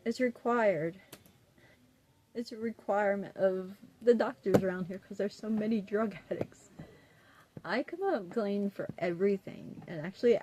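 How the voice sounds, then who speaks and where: A woman's voice: medium pitch, a little mellow, slight background noise. A middle-aged woman with an Appalachian West Virginia accent, chatting casually and bluntly to her viewers in a defiant, sweary way. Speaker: vlogger. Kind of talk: casual, rambling chat to viewers.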